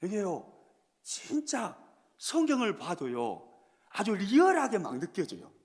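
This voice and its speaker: Animated Korean pastor in a reverberant church. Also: male voice, high voice, unhurried. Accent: Jeolla Korean. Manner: dramatic, animated storytelling. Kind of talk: revival sermon. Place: church sanctuary.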